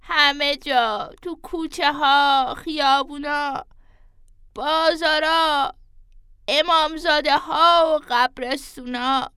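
A woman's voice: high voice, steady tone, bright, forceful tone, no room sound, studio quality. A woman voicing a fussy, tender old woman who pleads affectionately and calls on saints, in an audio story. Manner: affectionate, pleading, with religious exclamations. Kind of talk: audio drama reading.

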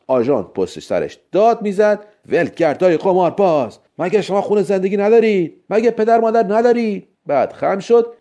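Guy reading a story out loud, super expressive, warm mellow voice. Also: medium pitch. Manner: expressive, dramatic. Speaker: narrator. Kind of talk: storybook reading, first-person narration.

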